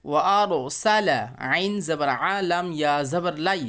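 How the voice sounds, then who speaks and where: Slow, smooth-voiced Bengali Quran teacher. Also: male voice, a little high, fairly bright tone. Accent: Bangladeshi Bengali. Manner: spells syllables slowly, then chants verses in a raised voice. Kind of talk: spelling-out recitation lesson.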